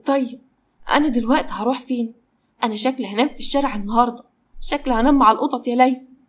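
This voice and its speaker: A dramatic young office worker from an Egyptian storybook, whining and complaining in a high, quick voice, as a woman narrator puts her on. She talks in a rush with plenty of theatrical flair. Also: natural voice.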